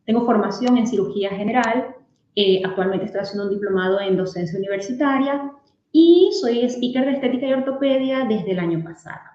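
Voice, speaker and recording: A woman doctor from Venezuela gives a clinical lecture with a fairly high but mellow voice. She explains points one by one and walks through a patient case. The audio is dull and echoey, typical of a webinar. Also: a little fast. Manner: explanatory, addressing colleagues with case examples. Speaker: aesthetic medicine doctor giving a webinar talk.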